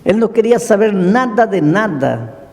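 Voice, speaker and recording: A male pastor delivers a sermon, building his story slowly with repeated lists and rhetorical questions. His voice sits a little high but has a mellow, dark tone and a gravelly edge. Long reverb hangs on every phrase, as if heard in a large hall. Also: big pitch swings.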